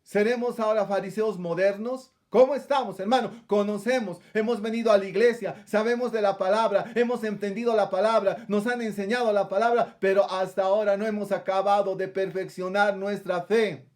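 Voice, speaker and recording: A man's voice: sits high, fairly even intonation, a little fast, few pauses, darkish tone. A man preaching a sermon, retelling a scripture passage and calling his listeners brother, with frequent rhetorical questions.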